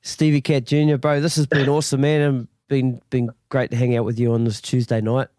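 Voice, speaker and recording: A man's voice: medium pitch, flat delivery, fairly quick, a little mellow, no room sound. Man, New Zealand accent, casual interviewer, encouraging, laid-back, dry room. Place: at home on a remote call.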